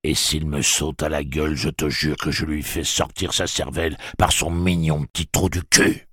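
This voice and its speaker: A man's voice: extremely low pitch, flat delivery, normal speed, sharp tone, breathy edge, no room sound, studio quality, exaggerated voice. A man voicing a gleeful, crude old pirate who mocks and threatens in coarse slang. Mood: taunting. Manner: mocking, coarse taunting.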